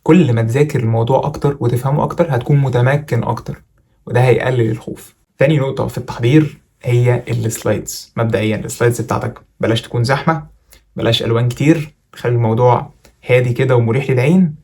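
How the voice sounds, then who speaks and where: Egyptian man, content creator, very fast talker, mid-pitched, casual jokey coaching. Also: steady tone, a little mellow. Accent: Egyptian Arabic. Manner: rapid, chatty, jokey coaching. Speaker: content creator giving presentation tips. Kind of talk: casual tutorial vlog.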